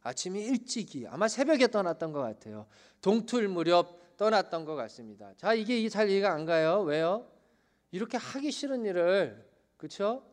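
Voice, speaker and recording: A man preaching a sermon as pastor. He swings between loud, emphatic peaks and quiet, low asides, and he keeps asking the congregation questions. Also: sing-song, normal speed. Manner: asks the congregation questions and leads group reading.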